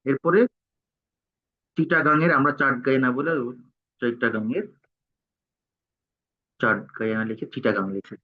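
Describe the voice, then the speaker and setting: A man, teaching a tutorial and dictating word by word as he types. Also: medium pitch. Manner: halting, dictates word by word while typing. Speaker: instructor. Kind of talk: screen-recorded tutorial. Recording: tinny phone-like sound.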